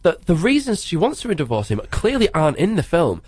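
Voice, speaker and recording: A man's voice: on the high side, wildly swooping pitch, darkish tone, slightly rough, no room sound. A man co-hosting a casual film review chat, chatty and rambling. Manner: chatty, rambling, quick to laugh. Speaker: podcast co-host.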